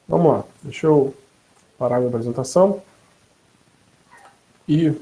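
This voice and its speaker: A man with a Brazilian Portuguese accent leading a casual online class. His slightly high but mellow voice stays loose and conversational as he chats, laughs and corrects himself. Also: normal speed, poor audio. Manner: relaxed, chatty, laughs and self-corrects. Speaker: instructor demonstrating a voice assistant.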